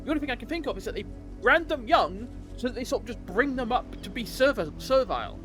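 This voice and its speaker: A man doing let's-play commentary who vents in exasperation and swears freely. His voice is high and lively, with a wide range. Soft game music sits underneath. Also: quick pace. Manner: exasperated, profane venting. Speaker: gamer. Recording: over game audio with faint music.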